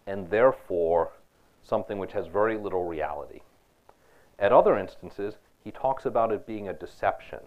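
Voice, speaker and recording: A man lecturing on philosophy to students in a conversational way, often checking in with "right?" and asking them questions. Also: lowish voice. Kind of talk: university lecture. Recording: dull lo-fi lecture recording.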